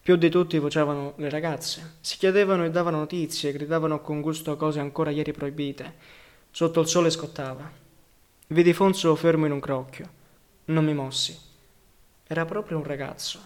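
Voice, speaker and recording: A male narrator reading a novel aloud in a calm, measured way. His voice sits fairly high for a man, and he keeps his delivery quiet and steady.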